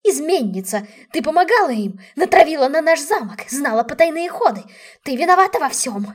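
A shrill, shrieking middle-aged aunt, voiced by a woman reading a storybook. She yells accusations at full force, loud and high. Her furious temper fills every line. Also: sing-song, a little fast. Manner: yelling accusations.

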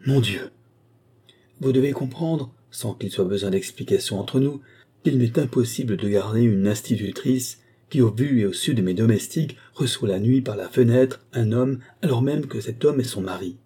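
A man's voice: medium pitch, steady tone, brisk, hardly any pauses, dark tone, slightly rough, pitched above the performer's own voice, natural voice. A man voicing a jealous, humiliated nobleman who speaks in a hard, clipped way. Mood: harsh.

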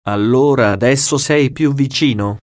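A pious noblewoman questioning a ghost, as a man reading a diary aloud puts her on. She asks earnest, persistent questions at a very slow, measured pace, in a dry, close sound. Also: mid-range voice, no room sound, close to an everyday voice.

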